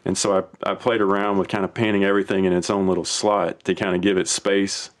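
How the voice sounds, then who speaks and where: A male podcast guest talks in a loose, meandering way about recording music, doubling back and restarting his sentences as he goes. His voice sits on the lower side and his delivery is easygoing rather than polished. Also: fast talker. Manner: rambling and relaxed, with frequent restarts. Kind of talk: casual chat.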